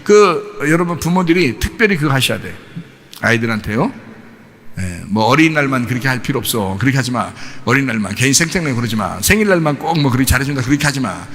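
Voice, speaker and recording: A man preaching a sermon as pastor, animated and folksy, acting out family quarrels and dropping into casual speech. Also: medium pitch, quick pace, big-room sound. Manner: folksy, shifts between polite and casual speech. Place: church sanctuary.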